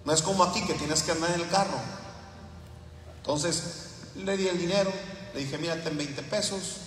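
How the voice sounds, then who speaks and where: A man's voice: fairly high pitch, moderate pace, a bit bright, slight background noise. A man preaching a sermon as pastor, mixing folksy stories with fervent appeals. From Latin America. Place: church sanctuary. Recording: echoey church hall, mic far off.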